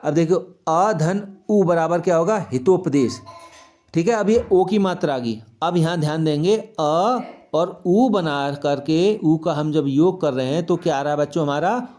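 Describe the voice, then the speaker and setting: A man teaching a grammar lesson to children, patiently asking questions and answering them himself, and repeating the examples slowly. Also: fairly high pitch, warm tone. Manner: repeats examples slowly, stretching key sounds.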